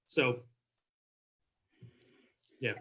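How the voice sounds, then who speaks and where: Speaking extremely slowly with a bright, forceful tone, this interview guest, a visiting king, has a Texas and Oklahoma Southern accent. He chats over video call in a casual, joking way, playfully exaggerating.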